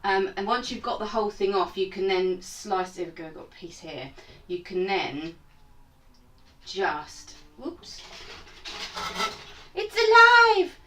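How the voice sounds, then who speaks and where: Woman home cook, lowish voice, chatty and rambling, recorded from a distance in a small roomy kitchen. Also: steady tone, a little slow, a little hiss or hum. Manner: chatty and rambling, self-mocking asides. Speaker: home cook and channel host. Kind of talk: casual cooking demonstration.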